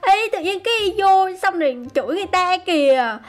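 High-voiced chatty woman narrating a game. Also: lively intonation, brisk. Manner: chatty, exclaiming to viewers. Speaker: gaming YouTuber. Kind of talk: game commentary.

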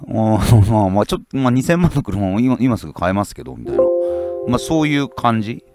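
A man's voice: medium pitch, very animated, fast, a little mellow, no room sound, clean studio sound, soft background music. A man, ranting casually as a fishing YouTuber and bluntly scolding his commenters, with many rambling fillers. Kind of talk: casual rant reading out viewer comments.

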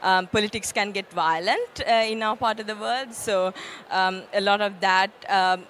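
A young woman from Sri Lanka answering interview questions on a handheld mic at an event studio, earnest and steady, with many ums and uhs. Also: medium pitch, normal speed, slight background noise. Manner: earnest, steady, with frequent um and uh fillers. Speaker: interview guest, UN youth official. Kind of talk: conversational interview. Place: event studio stage with a branded backdrop. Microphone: handheld microphone.

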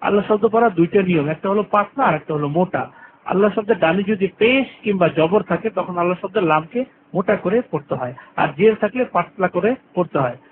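A man teaching Quran recitation rules, repeating each rule and drawing out the verses very slowly. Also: high-pitched. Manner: repeats rules and verses, stretching vowels very long. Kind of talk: tajweed lesson with slow drawn-out recitation. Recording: tinny lo-fi phone-like recording, faint hiss.

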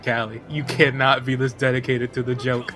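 A man's voice: mid-range voice, little pitch movement, moderate pace. A man playing a game with friends, teasing and laughing a lot. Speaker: gaming friend. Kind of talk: casual gaming chat. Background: game music.

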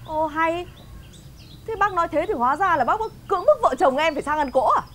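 A woman plays an indignant wife in a rural comedy sketch. Her voice is very high, and she fires back quick retorts. Faint outdoor noise sits in the background. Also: expressive, a bit bright. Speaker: neighbour, wife.

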